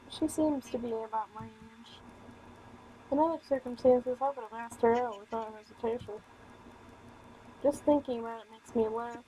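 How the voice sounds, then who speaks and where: A woman with a fairly high, mellow voice reads a visual novel aloud as a streamer in a casual let's play, tripping over words and throwing in irreverent, sweary remarks. The recording is low quality, with a bit of hiss or hum.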